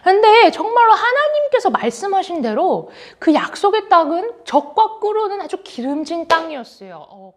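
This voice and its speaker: Lively high-voiced woman preaching to children. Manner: animated, acts out quotes, laughs while telling. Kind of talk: children's sermon storytelling.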